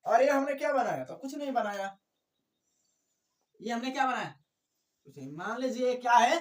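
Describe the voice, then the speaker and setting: An expressive woman lectures a biology class at a moderate pace, her voice a little high. She goes over each point repeatedly, poses rhetorical questions and mixes in English terms. Being far from the mic in an echoey room, she sounds distant and roomy.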